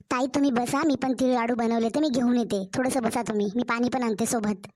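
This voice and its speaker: A woman's voice: a little high, steady tone, a little fast, a little mellow, lightly acted. A woman voicing a mild, apologetic young newly married daughter-in-law in a cartoon story, with a Marathwada Marathi accent. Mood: meek.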